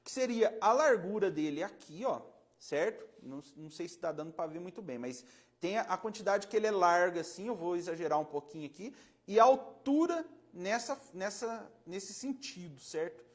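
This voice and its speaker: A Brazilian man, a luthier, explaining frets casually in a relaxed, rambling way, demonstrating with his hands and often checking the viewer is following. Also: high-pitched, moderate pace. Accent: Brazilian Portuguese. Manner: relaxed, rambling, self-correcting.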